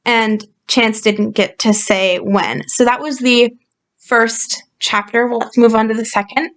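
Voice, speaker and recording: Woman explaining calmly into a computer mic. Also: on the high side, a little slow. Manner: explanatory, calm, with frequent fillers. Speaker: channel host reviewing a story. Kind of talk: reading a story aloud with casual commentary. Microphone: built-in computer microphone.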